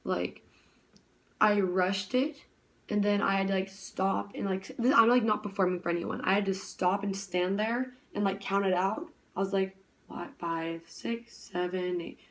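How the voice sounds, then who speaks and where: A woman vlogger in casual chat, talking very fast and rambling with lots of filler words. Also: medium pitch, steady tone, a bit bright.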